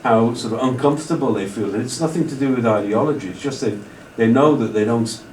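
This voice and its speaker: Speaking fast in a mid-range, somewhat mellow voice, a man lecturing in a hall gives a long, wandering answer to an audience question. He restarts often and keeps saying "you know." The recording is distant and roomy, with a bit of hiss or hum.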